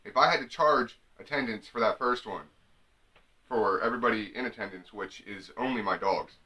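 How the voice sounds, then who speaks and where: A man's voice: lowish voice, moderate pace, slight background noise. A young man giving comic advice straight to the camera. He jokes his way through, sometimes slipping into mock women's voices. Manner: animated, jokey, slips into mock women's voices. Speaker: comedy vlogger.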